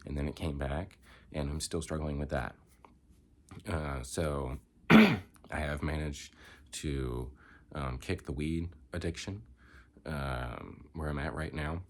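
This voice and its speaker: A man's voice: very deep voice, slow, pauses often. A young man, congested, rambling reflectively in a candid personal vlog with many filler words. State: congested, coughing. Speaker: vlogger.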